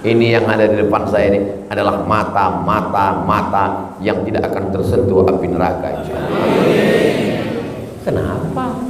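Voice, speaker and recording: A man giving an Islamic sermon, animated and joking, chanting verses between plain talk. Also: lowish voice, brisk, very noisy. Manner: animated, chants Arabic verses, jokes with the crowd. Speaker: Islamic preacher. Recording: echoey hall with long reverb.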